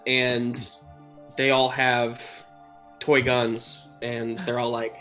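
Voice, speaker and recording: A man narrating a tabletop game as game master, improvising haltingly and searching for words. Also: mid-range voice, completely flat delivery, pushed and bright. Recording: music playing behind the voice. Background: music.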